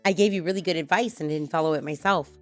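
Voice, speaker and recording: A woman's voice: deep voice, fast, faint music behind. A middle-aged woman hosting a casual podcast, talking bluntly and swearing freely as she tells personal stories. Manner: blunt, swearing, animated storytelling. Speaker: podcast host.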